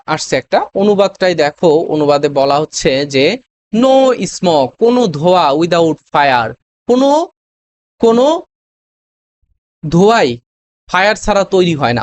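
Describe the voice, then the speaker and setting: A tutor giving a recorded lesson, explaining step by step with many pauses, fillers and quick self-corrections, often checking that the students follow. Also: medium pitch. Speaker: admission test tutor.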